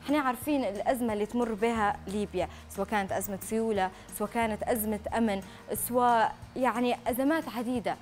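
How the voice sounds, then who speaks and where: A woman with a Libyan accent hosting a live morning talk show, speaking in a brisk and earnest way from a TV studio. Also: on the high side, darkish tone, faint music behind.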